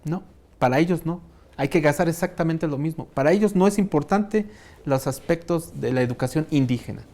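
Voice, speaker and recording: A man's voice: a little high, a little fast, darkish tone. A man, a panel guest making critical points with rhetorical questions. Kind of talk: studio panel discussion.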